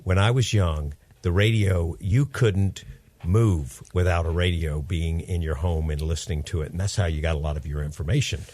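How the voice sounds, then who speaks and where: Recorded dry, a low-pitched, darkish male voice at normal speed belongs to a fifties-aged radio host. Joined by his young son as a guest, he chats in a cheerful, rambling way.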